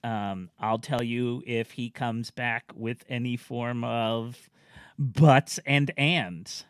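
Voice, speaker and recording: A man running a tabletop role-playing game as game master, narrating haltingly with many fillers. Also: mid-range voice, steady tone, clear, resonant tone, no room sound, clean studio sound.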